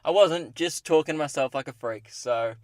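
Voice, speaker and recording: A man's voice: on the high side, normal speed, dry recording, clean studio sound. A young man with an Australian accent rambling casually and jokingly through a solo podcast, recorded inside a parked car. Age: young adult. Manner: self-deprecating, joking.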